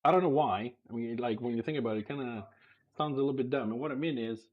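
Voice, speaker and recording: Heard with phone-quality sound, this medium-pitched man talks quickly as he cooks in his home kitchen on a casual live stream. He is Greek, a native Greek speaker with a slight lisp in English, relaxed in manner and quick to laugh.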